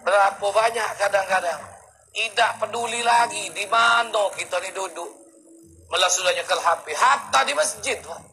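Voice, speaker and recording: Gravelly high-voiced preacher. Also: male voice, normal speed, sharp tone, soft background music, low-quality recording. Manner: jokey storytelling with acted-out quotes. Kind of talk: humorous sermon.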